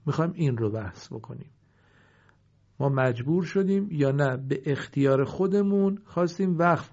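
Man teaching slowly over a dull recording. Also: mid-range voice, a little mellow. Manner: stretches out example words slowly, asks questions and answers them himself. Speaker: Quran recitation teacher. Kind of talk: recorded lesson on Quranic pausing rules.

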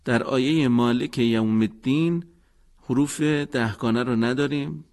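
A man explaining pronunciation in a calm, methodical lesson voice. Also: mid-range voice. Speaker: teacher.

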